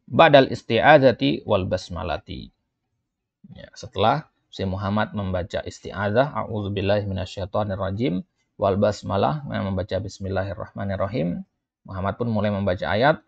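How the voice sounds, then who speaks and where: A man teaching an Arabic textbook dialogue in class style, reading the Arabic lines slowly and then translating and explaining them. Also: creaky, no room sound. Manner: lifts his voice when reading quotes, drops low for asides. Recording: dull, muffled dry recording.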